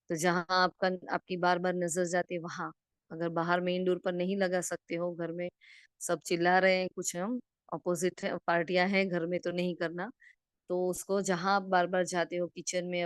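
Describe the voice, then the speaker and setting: A woman's voice: fairly low pitch, smooth, dry recording, studio quality. A woman leading a devotional scripture revision class, explaining step by step and often checking with listeners, "isn't it?". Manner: gives homework and direct instructions to listeners. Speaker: spiritual teacher.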